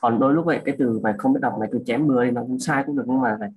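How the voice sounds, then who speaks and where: A young man casually tutoring a classmate, repeating words and slowly modelling pronunciation. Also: mid-range voice, a little mellow, a little hiss or hum, rough recording. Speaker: student coaching a classmate.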